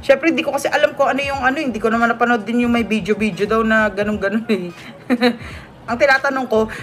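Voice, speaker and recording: A woman chatting on a live stream, reading out viewer comments between frequent laughs. Her voice sits a little high for a woman, and faint music plays behind her. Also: fairly bright tone. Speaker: livestream vlogger reading comments. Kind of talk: casual livestream chat. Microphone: phone or webcam on a live stream.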